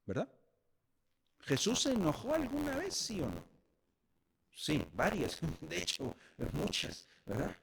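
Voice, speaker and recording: Gravelly animated male preacher. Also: high voice, slow pace, pauses often. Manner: animated preaching, addressing the congregation directly. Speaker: pastor. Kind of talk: sermon.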